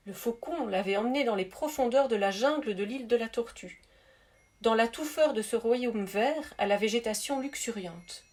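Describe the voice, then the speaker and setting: A woman reading a spiritual story aloud in a soft, measured, gentle narrating voice. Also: on the high side. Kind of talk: calm read-aloud storytelling.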